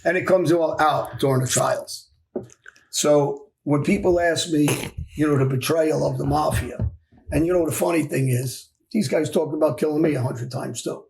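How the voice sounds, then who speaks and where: A man tells his own story in a candid sit-down interview, speaking bluntly and with emphasis. His voice is deeply gravelly and pitched a little high, and he keeps circling back over his own phrases. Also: moderate pace, darkish tone. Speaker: former mob enforcer guest.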